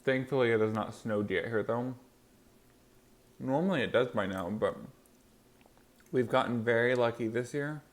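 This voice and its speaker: A mukbang host with a medium-pitched voice chats casually with viewers, chewing his food as he talks. He speaks at a normal speed but pauses often, rambling through loosely strung thoughts.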